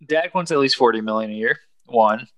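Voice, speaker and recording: A man's voice: mid-range voice, brisk, a bit bright. A man co-hosting a casual sports podcast, teasing and provocative.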